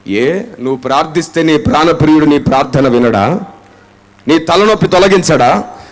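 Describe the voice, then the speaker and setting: A high-pitched male preacher with a Telugu accent delivers a sermon. He keeps throwing rhetorical questions at the congregation and slips into dramatic voices when he acts out their prayers. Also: normal speed.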